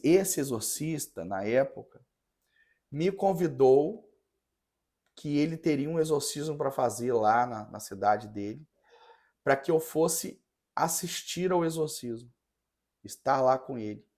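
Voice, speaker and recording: A man who is a parish priest, telling a story in a podcast conversation with an earnest, halting manner and many restarts. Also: mid-range voice, expressive, a little mellow.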